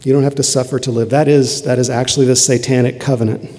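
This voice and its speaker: A man preaching a sermon, with emphatic rises and quiet, low asides. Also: little pitch movement, fast. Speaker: pastor. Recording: long hall reverb.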